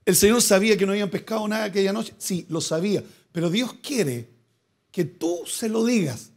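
A man's voice: sits high, lively intonation, normal speed. A male pastor preaching a sermon, asking rhetorical questions and building to emphatic repeated phrases. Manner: preaching with rising emphatic bursts and repeated words.

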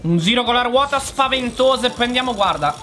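Excitable man with a lively, bouncing voice. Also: very high voice, a little fast, soft background music. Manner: excitable, exclamatory, talks straight to viewers. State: voice going hoarse. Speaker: gaming channel host. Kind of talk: casual gameplay commentary.

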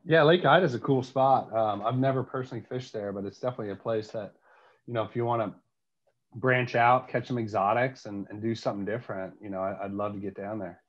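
A man's voice: fairly low pitch, quick pace. Young man on a dull video call. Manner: hesitant, with many ums. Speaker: podcast co-host. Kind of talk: casual chat.

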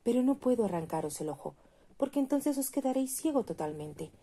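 A woman's voice: a little high, sing-song, a little fast, warm tone, breathy edge, voice pushed up, heavily acted. A woman voicing a kind, devoted female swallow in a read-aloud fairy tale, speaking tenderly and pleadingly.

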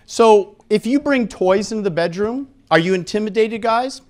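A middle-aged man speaks at a conference on sexual health, his slightly high-pitched, darkish voice carrying lively intonation at normal speed. He lectures live to a seated audience in an indoor conference room, frank and informal, candid and conversational with a joking streak, holding a handheld mic.

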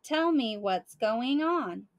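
A woman's voice: on the high side, lively intonation, slow pace. A woman voicing a puzzled, concerned girl who keeps asking questions, reading from a storybook.

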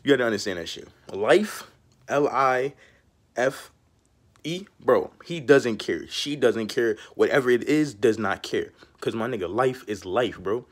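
A man's voice: on the low side, normal speed, hardly any pauses. A young man talking casually to camera, rambling and slangy, giving street-style life advice and constantly saying "bro". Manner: slangy and rambling, peppered with "bro" and "you know what I'm saying". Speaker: vlogger.

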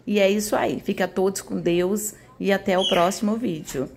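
A Brazilian woman hosts a home cooking video, speaking at a moderate pace in a mid-range, slightly mellow voice with fairly even intonation. Her voice-over is chatty and homely, regularly punctuated by tag questions.

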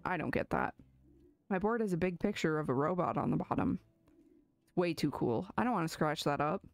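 Woman doing an eager little pig girl in a game, rambling, low and dry. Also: lively intonation, brisk, vocal fry, no echo, faint music behind. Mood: chatty. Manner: chatty, rambling. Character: young pig girl patient, chatty and eager.

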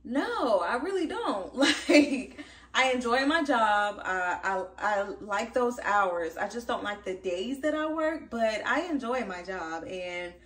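A woman's voice: a little high, expressive, slow, fairly bright tone, recorded from a distance. A woman in her thirties, a working mom, chatting casually to camera from her home kitchen with lots of fillers. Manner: chatty, upbeat, frequent fillers. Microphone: camera across the room. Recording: echoey kitchen, voice from afar.

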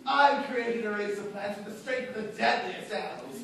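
Man playing high-pitched seductive Poison Ivy, far off. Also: moderate pace, vocal fry, fairly bright tone, a little hiss or hum. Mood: scheming. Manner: theatrical, flirtatious. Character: seductive, scheming villainess with plant powers. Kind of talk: comic stage duo performance. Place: classroom, before a seated audience. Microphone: phone from the audience. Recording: echoey classroom, far phone camera.

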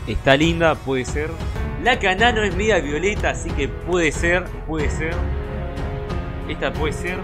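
A young man with a Rioplatense Spanish accent, giving excitable, casual gameplay commentary as a streamer and talking straight to his chat. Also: fairly high pitch, unhurried, music in the background. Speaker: gaming streamer.

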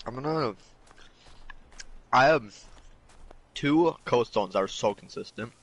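A man chatting with a friend over voice chat during a game, in relaxed, chummy banter. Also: medium pitch, slow pace, breathy edge. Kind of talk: casual chat.

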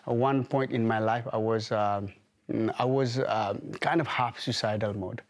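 A man's voice: mid-range voice, steady tone, measured pace. A man from Nepal with a Nepali accent, a guest in a TV news studio, speaking hesitantly with many fillers and restarts. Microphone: lapel mic.

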